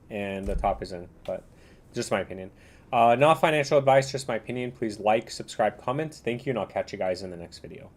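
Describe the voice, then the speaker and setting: A man hosting a casual livestream commentary, talking in a slangy bro style with a rambling, halting delivery. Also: mid-range voice, darkish tone. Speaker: livestream host reviewing cryptocurrency charts.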